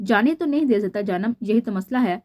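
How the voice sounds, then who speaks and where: A woman voicing a scheming, cruel young man who speaks softly and menacingly, read from a storybook. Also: mid-range voice, expressive, no room sound, muffled recording, close to an everyday voice. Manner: soft, menacing, mock tender.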